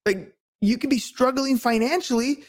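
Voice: high voice, normal speed. A podcast co-host talking casually and motivationally, earnest and rambling, often checking that the listener agrees.

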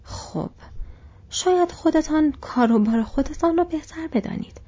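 A woman voicing a fat, fretful, easily frightened male innkeeper in a breathy whisper, as whispered role-play in a storybook reading. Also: sits high, lively intonation, mellow, muffled recording, pitched above the performer's own voice.

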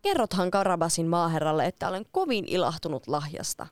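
Woman playing a contented old king, slow and gracious, storybook reading, smooth dry voice. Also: lowish voice, big pitch swings, dry recording. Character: pleased old male king.

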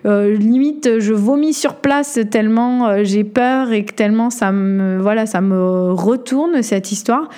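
A woman hosting a podcast, telling a personal story in an animated way, full of hesitations and fillers. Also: fairly high pitch, unhurried, hardly any pauses, clean tone. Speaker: podcast host.

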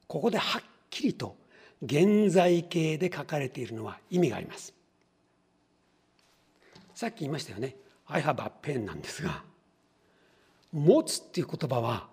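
Husky-voiced man preaching with lively pitch. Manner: teacherly, poses questions to the congregation; acts out little everyday scenes in different voices. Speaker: pastor. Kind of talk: sermon.

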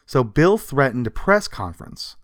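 A male podcast co-host with a mid-range, sing-song voice speaks at normal speed, telling comics history in a casual, emphatic style with a sarcastic streak and a bit of swearing. Clean studio sound, no room sound.

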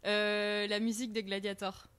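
A woman guest on a live stream, answering in a candid, relaxed casual chat. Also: medium pitch, moderate pace, clear, resonant tone.

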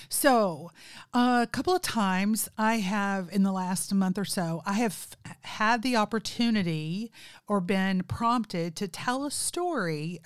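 A woman's voice: medium pitch, no room sound, studio quality. Chatty middle-aged woman telling a story. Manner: chatty, laughs often, talks to listeners directly. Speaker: podcast host. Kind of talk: unscripted casual storytelling.

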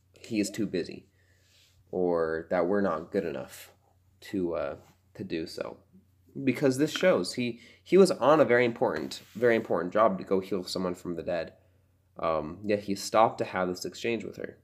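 A man hosting a scripture-study podcast, talking it through casually, halting and thinking aloud with many fillers in an earnest, reflective way. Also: low-pitched. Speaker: podcast host teaching scripture.

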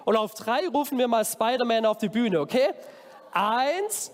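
An energetic man preaching to kids, his voice pitched high and animated. He calls out to the crowd and tells stories with gusto, and his voice rings with a long hall echo. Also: a little fast. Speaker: children's camp preacher. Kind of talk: lively children's sermon.

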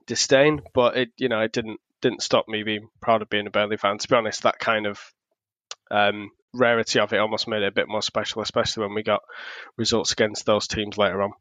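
A man's voice: on the low side, level tone, fairly quick, fairly bright tone, no echo. A man from the north of England, chatting casually as a podcast guest with frequent fillers. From Accrington, England. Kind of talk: casual interview chat.

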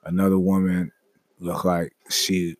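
A man's voice: deep voice, flat delivery, measured pace, no room sound. A man hosting a storytelling show, retelling a spooky tale in a loose, rambling way, full of fillers and restarts. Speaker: storyteller host. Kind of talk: casual spoken storytelling.

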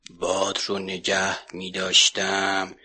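A man playing a grumbling storm cloud in a children's radio story, speaking slowly and heavily. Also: monotone, sharp tone, a little hiss or hum. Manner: slow, heavy, rumbling.

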